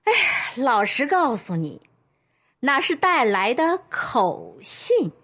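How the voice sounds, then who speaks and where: A woman's voice: sits high, very animated, slow, a bit bright, breathy edge, exaggerated voice. An actress playing a proud, teasing middle-aged mother who answers coyly and evasively in a radio drama.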